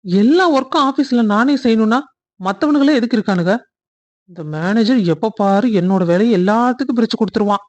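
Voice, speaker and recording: A woman voicing a kind young man in a cartoon love story who speaks earnestly and reassures gently. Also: on the high side, brisk, muffled recording, close to an everyday voice. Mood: irritated.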